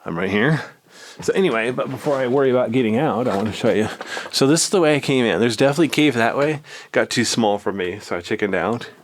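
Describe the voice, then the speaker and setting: A man with an average-pitched voice talks informally to his action camera inside a cave. He narrates off the cuff with muttered asides as he explores. The audio carries faint noise. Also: lively intonation, fast. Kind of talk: casual vlog narration. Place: inside a cave, lava tube. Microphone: action camera mic.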